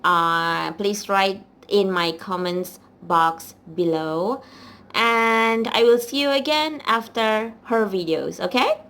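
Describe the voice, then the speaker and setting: A woman with a mid-range voice opens the video at an easy, slow pace. She talks in a chatty way, straight to her viewers, as the channel host. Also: medium pitch, fairly bright tone. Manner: chatty, addresses viewers directly. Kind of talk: casual video intro.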